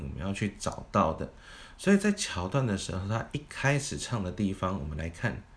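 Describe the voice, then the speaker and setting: A man teaching a singing lesson, explaining vocal technique methodically, step by step. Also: fairly low pitch. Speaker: vocal coach.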